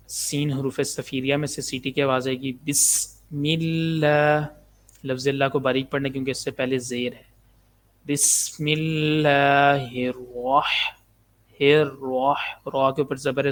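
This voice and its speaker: A man gives a recitation lesson in an even, level voice that barely rises or falls. He talks through his points briskly, then slows right down to recite each phrase with careful, drawn-out articulation. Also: mid-range voice, a little hiss or hum. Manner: explains quickly, then recites phrases very slowly and deliberately. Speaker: Quran recitation teacher. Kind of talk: pronunciation lesson with slow recitation.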